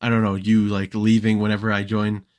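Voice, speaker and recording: A young man with a lowish voice chats casually as a podcast guest, rambling through stories with many fillers and restarts. His voice is recorded close and dry, with no room sound. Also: a little fast, no room sound. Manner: relaxed storytelling with frequent fillers and restarts. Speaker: podcast guest, Minecraft creator.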